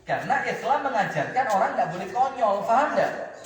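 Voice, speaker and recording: East javanese guy preaching outdoors, animated storytelling, high lively voice, big echoey hall sound. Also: brisk, a little hiss or hum. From East Java, Indonesia. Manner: animated storytelling, quizzing the audience. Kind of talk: sermon. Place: outdoor mosque courtyard. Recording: echoey loudspeaker from far off.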